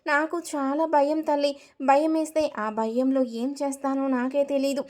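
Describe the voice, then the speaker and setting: A woman's voice: sits high, flat delivery, moderate pace, a little mellow, lightly acted. A woman reading out the lines of a naive young bride who is shy and easily frightened. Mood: innocent. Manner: innocent, wondering.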